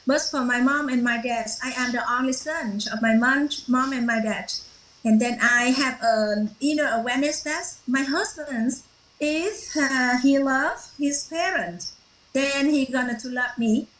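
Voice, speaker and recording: Woman, non-native speaker, Vietnamese first language, slow speech, many fillers, personal workshop sharing. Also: high-pitched, fairly bright tone, roomy sound, rough recording. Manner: halting, many fillers and restarts. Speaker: workshop participant.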